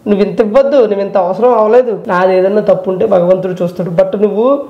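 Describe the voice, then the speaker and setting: A man's voice: high voice, quick pace, echoey room, muffled recording. A man arguing defensively, repeating the same questions again and again. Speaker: prank target. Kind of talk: heated argument.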